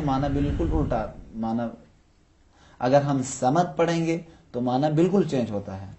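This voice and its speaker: A man teaching Quran recitation to children, patiently posing questions and slowly drawing out example words to show each sound. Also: medium pitch, mellow. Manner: patient, poses questions then answers them. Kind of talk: tajweed lesson for children.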